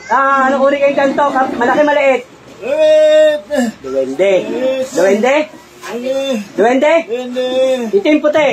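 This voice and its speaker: A man working as a faith healer, questioning a spirit insistently and repeating each question. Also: extremely high pitch. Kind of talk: healing and exorcism session. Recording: crowd noise behind. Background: crowd of onlookers.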